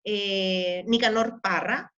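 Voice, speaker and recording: A woman teaching a literature lesson, explaining step by step, often checking in with quick tag questions and counting out verses slowly. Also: mid-range voice, fairly even intonation, sharp tone, highs cut off. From Chile.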